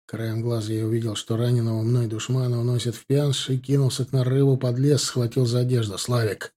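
This is a male audiobook reader narrating a novel in the first person, with medium pitch and a steady, measured delivery.

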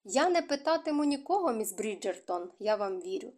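A stern young nobleman speaks in short, gruff lines, dry and clipped. A woman with a somewhat high voice reads him aloud. It is an audiobook reading. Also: big pitch swings, a little fast, a little mellow. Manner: curt, gruff.

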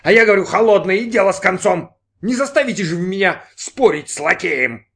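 A man's voice: fairly high pitch, expressive, fairly quick, pitched above the performer's own voice. A man voicing a short-tempered, nervous businessman in an audiobook, snapping and defensive. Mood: irritable. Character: irritable, jumpy male businessman, short-tempered.

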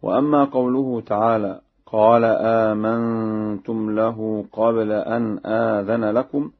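Slow, low-voiced man chanting recitation examples. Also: little pitch movement. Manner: measured and formal, breaking into melodic chanting for examples. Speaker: Quran recitation teacher. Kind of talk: explaining recitation variants with chanted verse examples. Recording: dull lo-fi radio broadcast.

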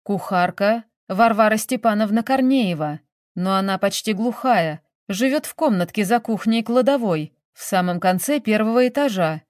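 A woman's voice: medium pitch, expressive, normal speed, darkish tone, dry recording, natural voice. A woman reading a story, voicing a dry, terse old male butler who answers in short, grumbling phrases. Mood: fretful. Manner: curt and grumbling.

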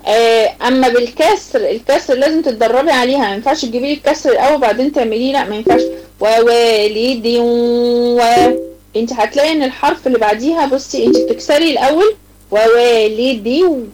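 Over music on a rough recording, an Egyptian woman who teaches Quran recitation gives girls an online tajweed lesson in a fairly high voice. She explains step by step with repeated questions and chants her examples at a slow, drawn-out pace.

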